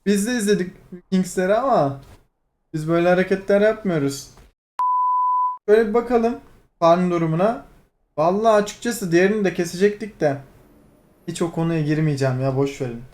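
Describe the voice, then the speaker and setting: A young man talks through his gameplay in a fairly high voice. He is excitable and teasing, jumping between calm play-by-play, laughs and loud outbursts at his teammates. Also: a little fast, pauses often. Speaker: gaming streamer. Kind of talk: live gameplay commentary.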